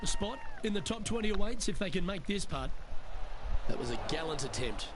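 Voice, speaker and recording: A man playing a measured lead golf commentator, calling shots in a televised style for a video game. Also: high voice, very animated, a crowd in the background. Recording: clear outdoor ambient noise.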